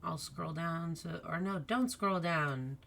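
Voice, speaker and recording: A woman's voice: lowish voice, takes it slowly, gravelly, fairly bright tone. A woman speaking as game master, casually narrating a tabletop role-playing game and calling for rolls.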